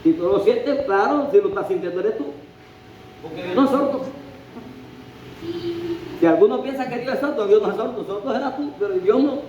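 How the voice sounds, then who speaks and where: A man's voice: high voice, animated, normal speed, pauses often, lo-fi sound, crowd noise. A man preaching a sermon, emphatic and full of rhetorical questions and a repeated refrain. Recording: very echoey church hall, faint noise.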